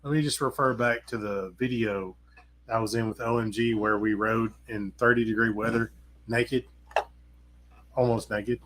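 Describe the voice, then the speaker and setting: A man's voice: lowish voice, steady tone, normal speed, fairly bright tone, low-quality recording. A man chatting casually as a livestream guest in a laconic, understated way. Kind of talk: casual group chat on a livestream.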